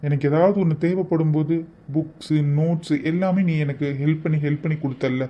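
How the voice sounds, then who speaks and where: A man's voice: a little high, steady tone, brisk, lo-fi sound, lightly acted. A man voicing an obsessive, lovesick young man in a cartoon, talking in an insistent, pleading way. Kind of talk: cartoon voice acting.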